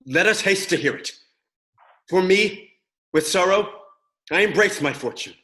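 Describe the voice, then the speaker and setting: An actor playing a proud young conquering prince in a solemn, declamatory Shakespearean style. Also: male voice, high-pitched, animated, unhurried, bright, forceful tone, heavily acted. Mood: grave, commanding. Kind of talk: Shakespearean stage acting.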